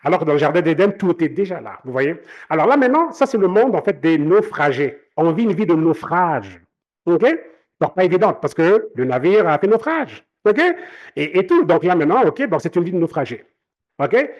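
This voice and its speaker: A man's voice: on the high side, very animated, fairly quick, a little mellow, muffled recording. A man with a Canadian French accent preaching to his listeners, stammering through restarts and checking in with "ok?" after nearly every point. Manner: repeats "ok?" often, stammers and restarts. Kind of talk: sermon-style teaching.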